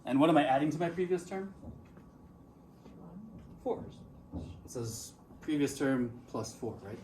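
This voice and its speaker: Slightly breathless, a math teacher works patiently through explanations and quizzes his class with questions. He has a fairly high voice with lively intonation and a measured pace, recorded from a distance amid classroom noise.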